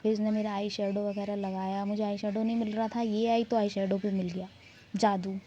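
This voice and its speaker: A woman's voice: mid-range voice, flat delivery, a little fast, dark tone. A young woman narrating her vlog in a chatty, rambling, self-mocking way. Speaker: vlogger. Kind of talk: casual vlog voice-over narration. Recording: dull lo-fi sound, faint background noise.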